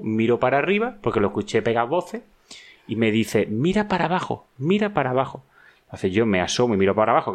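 A middle-aged man telling a funny anecdote in casual chat, laughing often. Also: fairly low pitch. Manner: animated storyteller, laughs often, acts out shouted quotes. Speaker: podcast guest telling an anecdote.

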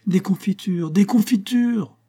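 A man voicing a mischievous, bold little girl in a storybook reading, lifting his pitch and coaxing. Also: a little fast, husky, close to an everyday voice. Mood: excited. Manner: lively, coaxing, raised girlish pitch.

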